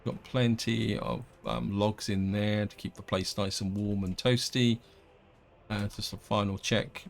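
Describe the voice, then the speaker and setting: A man hosting a gameplay video, thinking aloud in a relaxed, rambling way with plenty of hedges. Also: fairly low pitch, a little slow, gravelly. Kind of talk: casual let's-play commentary.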